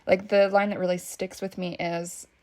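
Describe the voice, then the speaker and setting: A woman's voice: lowish voice, little pitch movement, moderate pace, a little mellow. A woman with a Valley Girl accent, hosting a solo podcast in a casual, emphatic way, swearing freely and saying "like" a lot. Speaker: podcast host.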